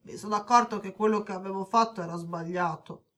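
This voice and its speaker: A woman's voice: medium pitch, steady tone, brisk, a bit bright, natural voice. A woman voicing a shy young boy who stammers out apologies in a children's audio story. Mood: remorseful.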